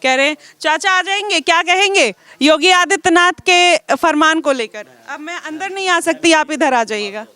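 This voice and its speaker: A woman's voice: extremely high pitch, moderate pace, few pauses, sharp tone, dry recording. A woman street reporter from asking pressing, probing questions in a public interview.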